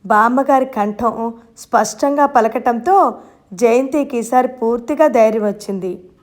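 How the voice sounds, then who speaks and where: A woman narrating a novel aloud in a gentle storytelling manner. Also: fairly high pitch, unhurried. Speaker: audiobook narrator.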